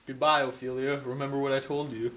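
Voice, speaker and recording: Man as a casual young son, medium pitch. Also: level tone, quick pace, a bit bright, a little hiss or hum, close to an everyday voice, low-quality recording. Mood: farewell. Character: casual young son taking leave of his family. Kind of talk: parody drama acting.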